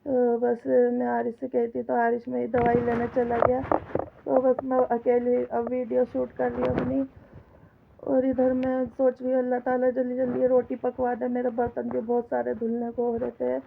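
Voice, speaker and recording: While she cooks, a middle-aged home vlogger with a sore throat and cough complains chattily to her viewers. Her fairly high voice has vocal fry and a completely flat delivery at a moderate pace. Recorded on a phone in her kitchen, the sound is tinny, with slight background noise.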